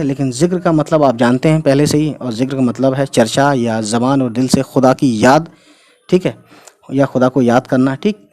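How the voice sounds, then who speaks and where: Speaking at medium pitch with a dark tone, this Urdu teacher guides Hindi speakers through spelling in a spoken lesson. His explanations are patient, often sprinkled with "thik hai" and "you know."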